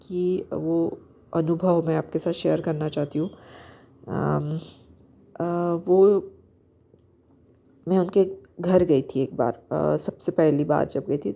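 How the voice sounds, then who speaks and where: Low gravelly woman, hesitant storytelling. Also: warm tone. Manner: hesitant, pausing with fillers. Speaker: spiritual vlogger. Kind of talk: personal storytelling. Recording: dull lo-fi recording.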